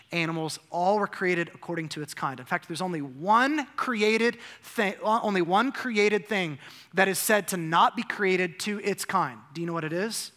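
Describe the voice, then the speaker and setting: A man preaching a sermon as pastor, emphatic and animated, asking the crowd questions and repeating key lines. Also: high voice. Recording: long reverb of a large hall.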